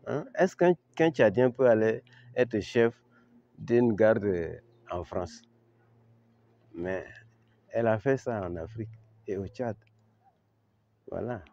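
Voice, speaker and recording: An older man with a Chadian accent giving an informal historical account, halting and searching for words, yet emphatic with the listener. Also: on the low side, vocal fry, mellow, lo-fi sound. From Chad. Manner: halting, with repeated words and long searching pauses. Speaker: eyewitness commentator on history.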